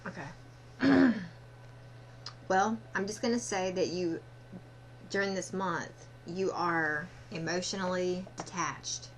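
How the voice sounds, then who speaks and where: A woman fortune teller giving a casual card reading, speaking haltingly and directly to the listener. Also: fairly low pitch, a little hiss or hum. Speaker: fortune teller, tarot and oracle card reader.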